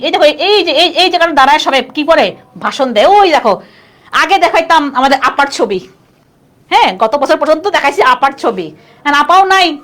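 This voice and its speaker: A woman's voice: high voice, a bit bright. A woman teaching a live online class, chatty and constantly quizzing her students. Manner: chatty, keeps asking students questions.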